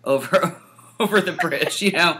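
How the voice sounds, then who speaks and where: A woman's voice: fairly low pitch, measured pace, bright, forceful tone, slight background noise. A woman co-hosting a racing podcast in casual chat, swearing freely and laughing often. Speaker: podcast co-host.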